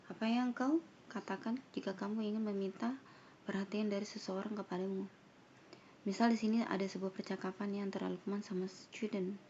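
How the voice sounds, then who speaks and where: Woman teacher for an online English lesson, reading lines slowly and then translating, with a dull, faintly noisy recording. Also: mid-range voice, mellow. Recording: dull lo-fi sound with faint noise.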